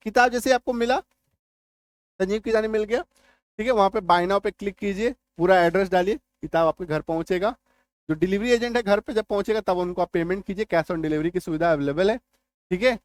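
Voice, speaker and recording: This is a man teaching English spelling out loud, his voice sitting high and his delivery brisk. He drills words and checks whether the class is following.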